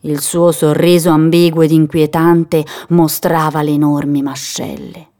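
A woman narrating a children's fable in a calm, measured storytelling manner. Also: sits low.

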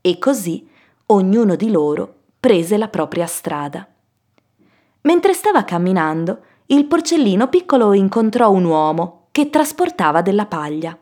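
Lively woman reading a children's story. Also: medium pitch, unhurried. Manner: lively, expressive telling.

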